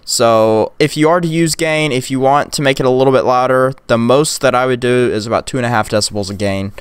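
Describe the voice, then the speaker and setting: Talking briskly in a smooth, clean, mid-range voice, a young tech tutorial creator rambles through a casual screen-recorded software tutorial with plenty of fillers and restarts. He whispers and yells during demos. He's close to a USB condenser mic in a dry, dead room with no echo.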